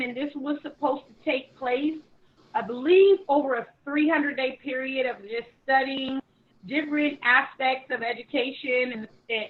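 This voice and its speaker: High-voiced woman, glitchy call audio cutting out. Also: narrow, tinny audio. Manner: checks in with listeners with frequent "okay?". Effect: video call audio breaking up and cutting out. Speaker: teacher. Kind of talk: online class lecture. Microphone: video call.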